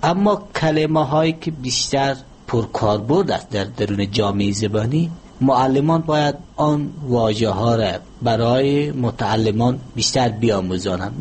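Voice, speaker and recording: Measured Afghan-accented man explaining grammar. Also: medium pitch, a little mellow, a little hiss or hum. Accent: Afghan Dari. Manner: measured, lecturing with frequent hesitations. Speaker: language expert guest. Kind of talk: explanatory interview answers.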